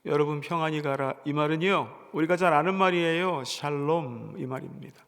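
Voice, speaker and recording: Male preacher, gravelly voice, fairly high pitch, pleads loudly then drops to a hush. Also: normal speed. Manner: swings from loud urgent pleading to soft hushed tenderness. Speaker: pastor. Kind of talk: sermon. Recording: church sanctuary with long reverb.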